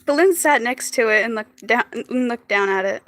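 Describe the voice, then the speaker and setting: A woman's voice: on the high side, fairly bright tone. A woman casually reading fan fiction aloud on a livestream, often giggling, tripping over words and chatting with her viewers. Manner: giggly, stumbles over words and chats with viewers between lines.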